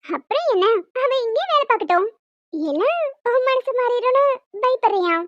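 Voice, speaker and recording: A woman voicing a bossy pregnant young cartoon woman, her voice pitched very high and almost childlike as she firmly talks others round. The sound is dull and lo-fi, dry and close. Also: big pitch swings, normal speed, dry recording. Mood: persuading. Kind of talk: cartoon dialogue.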